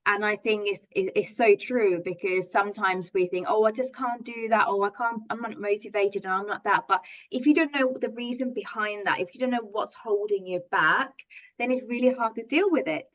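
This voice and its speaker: A woman's voice: medium pitch, normal speed, a bit bright, highs cut off. A middle-aged woman from Finland, a native Finnish speaker, giving an online coaching masterclass in an earnest, enthusiastic way, with many fillers and restarts. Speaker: positive psychology coach.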